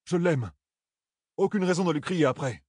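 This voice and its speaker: A man's voice: on the high side, animated, moderate pace, a little mellow, no room sound, clean studio sound, pitched above the performer's own voice. A man voicing an earnest young man who protests with indignation. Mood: indignant.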